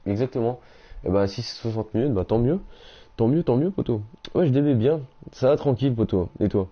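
A young man chatting casually on a game live stream, reading out viewers' messages and answering them in slangy, relaxed talk. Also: medium pitch, fairly quick. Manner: slangy, reads chat aloud and answers viewers. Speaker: gaming streamer. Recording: dull lo-fi stream audio.

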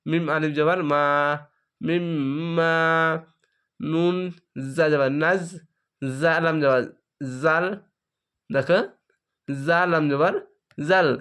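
A man teaching Quran reading, spelling each syllable aloud and then joining them, with drawn-out chanting of verses. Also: on the high side, a bit bright, clear, resonant tone. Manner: drawn-out melodic recitation of verses. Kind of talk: slow letter-by-letter Quran spelling lesson.

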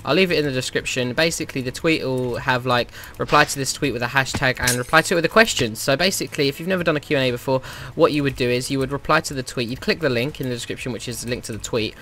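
A man talks quickly through casual gameplay commentary, rambling and correcting himself as he goes. His voice is mid-pitched and sounds stuffy from a slight cold. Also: pushed and bright, a little hiss or hum. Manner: rambling, chatty, self-correcting. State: has a slight cold, sniffly morning voice. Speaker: gaming YouTuber.

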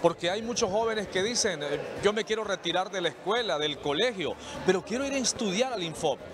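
A man's voice: high-pitched, animated, brisk, crowd noise. A man reporting for TV news, emphatic and upbeat, holding a handheld mic in a large hall. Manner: enthusiastic, emphatic. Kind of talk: upbeat field interview. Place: large indoor hall with murals.

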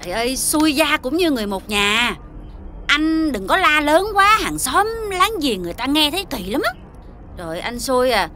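A woman's voice: high voice, very animated, moderate pace, pushed and bright, heavily acted. An actress playing a scheming middle-aged mother-in-law in a TV drama, pleading and wailing melodramatically. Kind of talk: TV drama acting.

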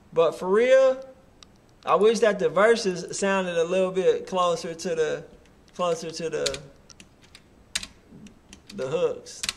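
A man in his thirties hosting a music review stream, reacting in casual, animated street slang. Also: high-pitched, a little hiss or hum. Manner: hyped, animated, full of slang like bruh. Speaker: host of a music review livestream.

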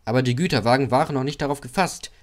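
A man narrating a children's audiobook with a lively, expressive reading. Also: medium pitch, rapid-fire.

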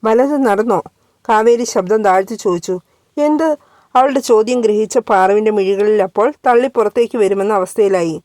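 A woman narrating a serialized storybook in a steady, even reading voice. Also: mid-range voice, quick pace, few pauses, no room sound.

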